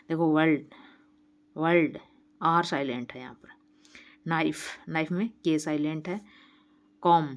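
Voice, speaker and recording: Slow, low-voiced woman teacher. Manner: reads English slowly, explains in Hindi, asks and answers own questions. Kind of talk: workbook lesson explanation.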